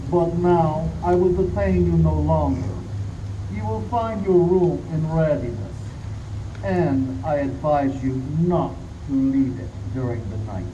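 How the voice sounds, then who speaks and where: An actor playing Count Dracula, a sinister aristocratic vampire, speaking slowly with courtly menace in a live outdoor radio-play performance. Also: male voice, fairly high pitch, dull audio, close to an everyday voice. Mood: menacing. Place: outdoor stage in constant wind. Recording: distant, echoey, wind noise outdoors.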